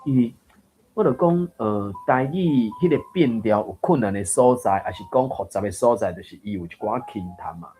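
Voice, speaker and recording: A man's voice: mid-range voice, lively intonation, normal speed, dark tone, faint music behind. A man giving a casual lesson on reading aloud, thinking aloud with many fillers and restarts. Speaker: Taiwanese reading coach.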